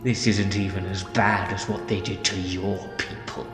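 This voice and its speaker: In a fan audio drama, a man with a deep, flat voice plays a bitter, decayed villainous mastermind, grandiose, persuasive and menacing at a moderate pace. The echoey hall setting carries clear music behind him.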